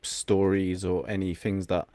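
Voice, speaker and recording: Speaking low and monotone in a mellow, unhurried way on a dry recording, a young English confidence coach who grew up speaking Cantonese is interviewed on a podcast. He reflects thoughtfully and occasionally gropes for the right word.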